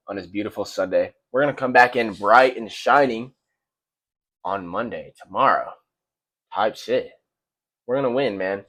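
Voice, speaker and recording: A young man giving a casual motivational monologue, blunt and profane, full of slang and repeated phrases, sometimes stumbling over his words. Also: medium pitch. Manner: slangy, calls listeners bro. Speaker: self-improvement vlogger.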